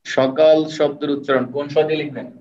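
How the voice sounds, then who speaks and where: A man teaching an online class, patiently repeating words and sounding them out slowly. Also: on the high side, flat delivery, darkish tone. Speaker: online tutor. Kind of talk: live online lecture. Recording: roomy, distant, dull sound.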